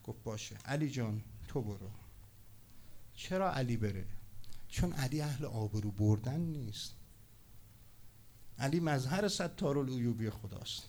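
A man preaching an impassioned sermon at a mourning-night religious gathering. He swings from loud exclamations to hushed, slow phrases. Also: mid-range voice, lively intonation.

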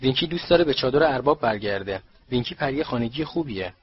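A man voicing a timid, fretful female house-elf servant with a high squeaky voice and anxious, deferential manner, in a lo-fi audiobook recording. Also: expressive, breathy edge. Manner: anxious, deferential, keeps saying sir.

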